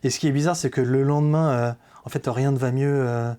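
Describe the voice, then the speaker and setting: A man giving a personal faith testimony in a podcast conversation, speaking earnestly and haltingly, with many hesitations. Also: medium pitch, fairly even intonation, mellow. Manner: earnest, confessional.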